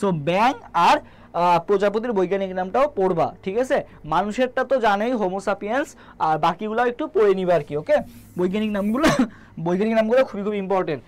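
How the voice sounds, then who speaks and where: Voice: mid-range voice, animated, fairly quick. Bangladeshi Bengali tutor quizzing a live class. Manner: quizzing, asks and answers own questions; reads viewer names from comments. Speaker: biology tutor. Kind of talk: live online class teaching.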